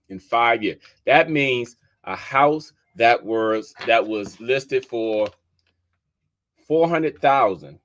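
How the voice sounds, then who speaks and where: Dc-guy hosting a podcast, chatty, says y'all a lot, keeps repeating his numbers. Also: mid-range voice. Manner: conversational, addresses listeners as y'all, repeats figures for emphasis. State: keeps sneezing. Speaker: podcast host and real estate agent. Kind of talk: casual talk to listeners.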